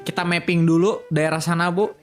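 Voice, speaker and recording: A man's voice: fairly high pitch, level tone, brisk. A man playing a police officer in a game roleplay, answering questions in a formal, deferential manner. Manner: formal, deferential, addressing her as ma'am. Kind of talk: in-character roleplay chat. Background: background music.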